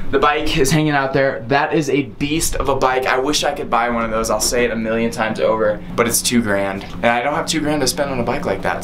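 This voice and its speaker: A young man vlogging casually from a mountain bike trail outdoors, chatty and excited, rambling with fillers, at times out of breath. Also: mid-range voice, a little hiss or hum. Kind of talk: casual travel vlog.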